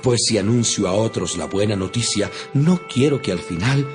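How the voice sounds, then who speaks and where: An actor playing an earnest, stern apostle in a dramatized audio Bible, with solemn, emphatic, preacherly delivery. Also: male voice, fairly low pitch, animated, moderate pace, close to an everyday voice. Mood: earnest, resolute. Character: apostle Paul, earnest, stern male preacher to his flock. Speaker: Bible reader voicing the apostle Paul. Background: music behind the voice.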